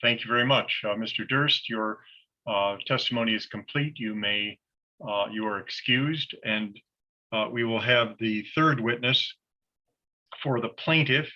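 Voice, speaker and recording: Polite halting man presiding as judge. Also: mid-range voice, sharp tone. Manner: polite, halting, with many "uh" fillers. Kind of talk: presiding over a virtual mock trial. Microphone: video call. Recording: dull lo-fi video call audio.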